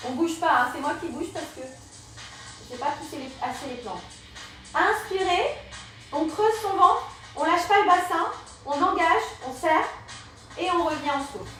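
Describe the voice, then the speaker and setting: A woman's voice: very high voice, expressive, moderate pace, long pauses, a bit bright. A woman instructor leading a live Pilates and yoga class, cueing breaths and movements step by step. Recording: very echoey room, mic far off, music behind.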